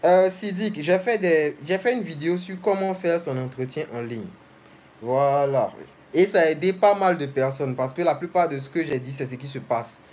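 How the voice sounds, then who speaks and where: A man's voice: fairly high pitch, moderate pace, darkish tone. Casual young man answering live comments. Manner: reads comments aloud then answers them directly and familiarly. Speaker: host of a live stream answering viewer comments. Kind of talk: casual live-stream chat.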